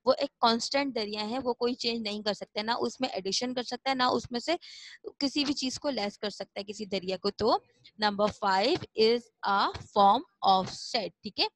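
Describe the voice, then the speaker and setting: Slow, coaxing woman teacher, dry sound. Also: on the high side, fairly bright tone, dry recording, poor audio. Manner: slow, repetitive, coaxing explanations. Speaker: school teacher. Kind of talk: classroom lesson.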